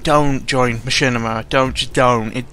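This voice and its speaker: This young adult YouTuber offers casual, unscripted news commentary in an audio log, with music behind him. His medium-pitched voice has a sharp tone and fairly even intonation. He rambles, halts and interrupts himself, sounding sarcastic and self-deprecating, with exasperated sighs and swearing.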